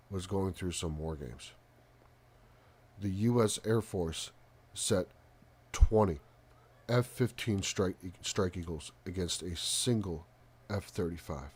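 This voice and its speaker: A soft-spoken man hosting a live stream with casual commentary, halting often with pauses and ums. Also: sits low, husky. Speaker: live talk show host.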